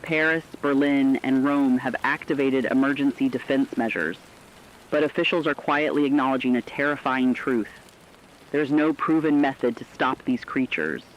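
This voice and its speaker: Heard through a dull, low-fidelity radio filter, a man acts as a solemn correspondent reading an urgent, dramatic scripted report on a disaster. His voice is medium in pitch and close to everyday speech, at normal speed, with slight background noise.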